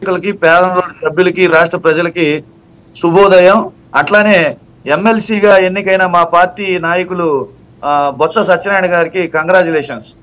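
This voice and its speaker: A man's voice: sits high, steady tone, normal speed, a bit bright, rough recording. A man speaking for his party on a live TV debate, emphatic and repeating phrases to drive his point. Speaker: party spokesman panelist.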